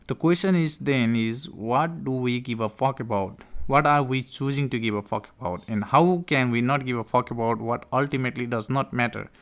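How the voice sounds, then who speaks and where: A man with a clear, smooth voice reads aloud in an informal podcast style. His delivery is halting, with stumbles and repeated words. He is recorded at home in a living room. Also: medium pitch, a bit bright. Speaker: podcast host reading a book aloud. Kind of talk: informal audiobook read-aloud with casual asides.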